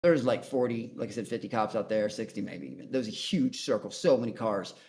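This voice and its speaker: A man's voice: on the low side, fairly quick, a little mellow, slight background noise. Blunt, profane male guest telling stories. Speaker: interview guest. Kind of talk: casual storytelling.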